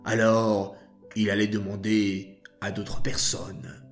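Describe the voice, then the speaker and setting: A man narrating a story to children in a slow, expressive way. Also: lowish voice. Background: faint music.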